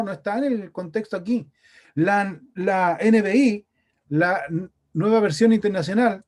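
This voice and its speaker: A Chilean man preaches in a high, mellow voice. He keeps it conversational and often turns to his listeners with questions. The sermon is delivered in a church meeting room. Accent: Chilean Spanish. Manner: conversational, asks the congregation questions.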